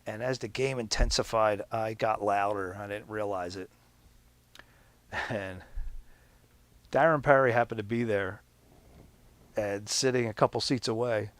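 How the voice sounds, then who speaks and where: A man's voice: a little slow, long pauses, no echo. A middle-aged man with a Pennsylvania accent, hosting a podcast and telling a rambling, enthusiastic story. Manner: rambling, enthusiastic, acts out quoted people in a high voice. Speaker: podcast host and league announcer. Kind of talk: casual storytelling.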